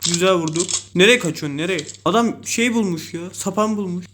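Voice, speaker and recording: A young man with a Turkish accent giving excitable, self-mocking commentary over mobile game play. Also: high-pitched, a little fast, heavy background noise. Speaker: gaming YouTuber.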